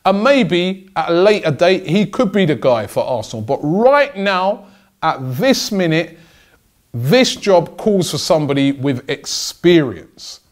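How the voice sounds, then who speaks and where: A man's voice: high voice, sing-song, a little slow. A middle-aged man giving opinionated football commentary as a show host, speaking emphatically and repeating phrases for stress. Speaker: football fan channel host. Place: indoor studio desk with branded backdrop. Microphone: several stand microphones on desk.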